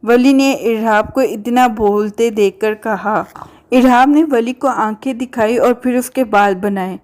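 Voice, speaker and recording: A woman narrating a romance novel in a steady, even storytelling manner. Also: a little high.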